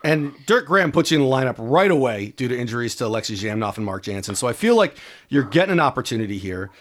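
A man hosting an interview, asking questions in a lively way. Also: mid-range voice, quick pace. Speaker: podcast host, interviewer.

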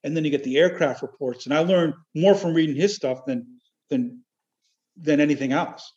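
A man talking casually in an interview, halting and rambling but enthusiastic. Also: fairly high pitch, a little mellow. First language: Chiac French. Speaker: amateur military history researcher, podcast guest. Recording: dull, lo-fi audio.

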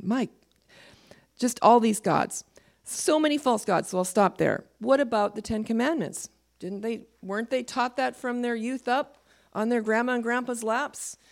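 A woman leads an informal Bible teaching in a voice with plenty of gravelly fry. She speaks emphatically, slows down to read scripture, and sometimes drops to a whisper. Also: fairly high pitch.

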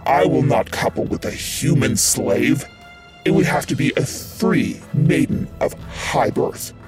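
An actor voicing a proud, lonely, ancient male genie in a hollow, gravelly voice, speaking slowly and with command. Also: medium pitch, expressive, lightly acted. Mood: solemn. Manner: slow, stately, commanding speech. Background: loud music.

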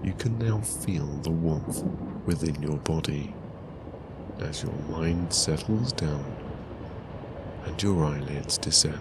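A man narrating a guided sleep story in a calm, soothing, hushed voice with long pauses. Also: extremely low pitch, background noise.

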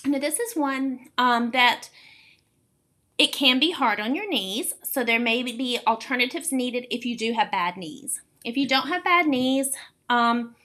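A woman in her late forties with a bright, forceful voice pitched on the high side. She talks casually as a podcast host and coach, encouraging listeners and repeating words for emphasis. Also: a little slow. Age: late 40s. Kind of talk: casual explanatory podcast talk.

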